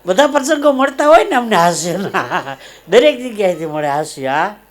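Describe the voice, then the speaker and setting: High-voiced man telling jokes on stage. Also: moderate pace. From Gujarat, India. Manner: lively joke-telling, acting out characters with loud high voices. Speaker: comedian. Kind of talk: live stand-up storytelling. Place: live stage show with audience.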